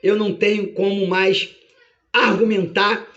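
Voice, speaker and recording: A preacher voicing God as a solemn judge, low and slow. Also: male voice, level tone, a bit bright, muffled recording.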